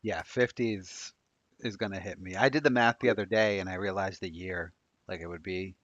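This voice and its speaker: Deep-voiced man reading betting odds. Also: fairly even intonation, a bit bright, no room sound. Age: 30s. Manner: quick, chatty, reads odds off a screen. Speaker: sports betting show co-host. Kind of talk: casual live-stream chat. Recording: dry, dull lo-fi mic.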